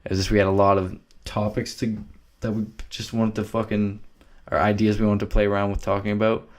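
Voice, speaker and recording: Young guy, lowish voice, swearing and rambling through a solo podcast. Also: completely flat delivery, brisk. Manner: rambling, profane, loose and offhand. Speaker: podcast host.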